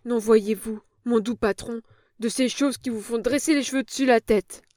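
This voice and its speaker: A woman doing shrill whining old hag. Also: fairly even intonation, normal speed, darkish tone, dry recording, studio quality, natural voice. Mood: whining, frightened. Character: old vulgar female innkeeper, whining and scared.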